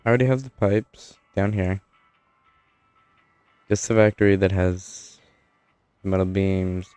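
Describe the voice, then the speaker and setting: A man's voice: low voice, a little slow, darkish tone, clear, resonant tone, dry recording, soft background music. A young man giving casual, rambling commentary while playing a truck-driving game, with dry asides and frequent self-corrections. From United States. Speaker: gameplay streamer. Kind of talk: casual let's-play commentary.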